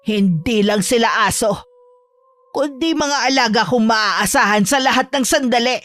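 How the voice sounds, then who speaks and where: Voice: medium pitch, unhurried, fairly bright tone, no room sound, faint music behind, lightly acted. A voice actor playing a stern, hostile old witch in a horror audio drama, speaking coldly and threateningly. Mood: menacing. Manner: cold and threatening. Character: stern, hostile old female witch who guards her garden.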